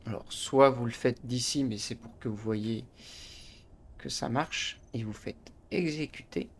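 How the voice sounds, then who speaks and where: In this game tutorial, a gaming channel host walks through a space game one step at a time, often starting over and dropping in little interjections. He speaks a little slowly in a mid-range voice.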